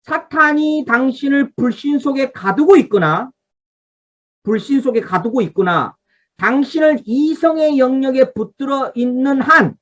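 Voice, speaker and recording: A woman's voice: high voice, a bit bright, lo-fi sound. A woman pastor leading an online revival Bible study over a video call. She teaches from a study guide, tells listeners what to underline, and asks the congregation to respond.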